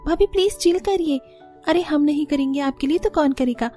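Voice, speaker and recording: Woman voicing a high, upbeat young sister-in-law in an animated story, soft mellow tone. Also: moderate pace, faint music behind, natural voice. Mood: cheerful. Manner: upbeat, coaxing.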